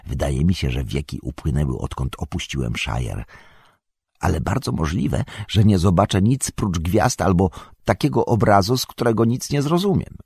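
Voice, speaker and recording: A man voicing a young male hobbit who is loyal, excitable and fretful, bursting out in agitated, indignant speech. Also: low voice, normal speed, creaky, slightly rough, dry recording, clean studio sound, voice pushed up, full character voice. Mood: hesitant. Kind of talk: audiobook character voice.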